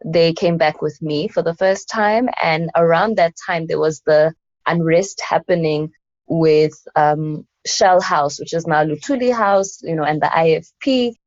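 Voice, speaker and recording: A woman in her thirties, a guest telling stories from her childhood in a reflective way, thinking aloud with soft fillers. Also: low voice, unhurried, dry recording. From South Africa. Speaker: guest, anthropologist and poet. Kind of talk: casual interview conversation. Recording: dull, lo-fi and dry.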